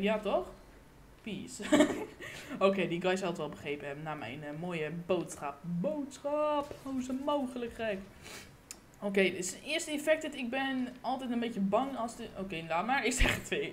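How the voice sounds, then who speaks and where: A fairly high-voiced woman talks through a game live on a desk condenser mic, excitable and cursing freely. She bursts into sudden loud shouts, and a faint hum sits behind her. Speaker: gaming channel host. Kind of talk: live gameplay commentary.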